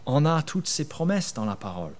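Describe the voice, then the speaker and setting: Lively-pitched male preacher, conversational. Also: a little fast. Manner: conversational, rhetorical questions, acts out worries in whispers. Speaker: pastor. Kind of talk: sermon.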